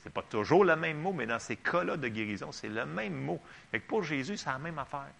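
A man's voice: on the high side, animated, a little fast, vocal fry, a bit bright. A man with a Québécois French accent preaching a sermon, reading Bible verses and chatting with the congregation in asides. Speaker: pastor.

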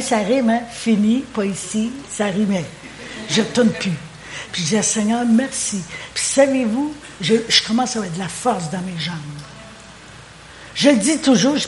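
A woman's voice: mid-range voice, slight background noise. A woman with a Québécois French accent preaching a sermon, talking animatedly and repeating words as she searches for phrasing. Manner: animated, acts out quoted prayers and dialogue.

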